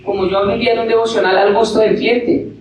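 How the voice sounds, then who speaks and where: A man preaches to his congregation, firing rhetorical questions and acting out quotes. His voice sits at a middle pitch. It bounces around a very echoey hall and is picked up from far off, with a faint hiss underneath. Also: level tone, fast talker. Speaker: pastor. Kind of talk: sermon.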